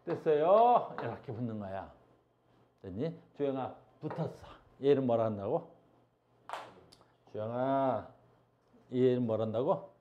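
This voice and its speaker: A man's voice: mid-range voice, lively intonation, a little slow, pauses often, highs cut off, slight background noise. A male science teacher lecturing a class while drawing, asking questions and answering them himself, repeating key phrases. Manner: repeats key phrases, calls out playful commands.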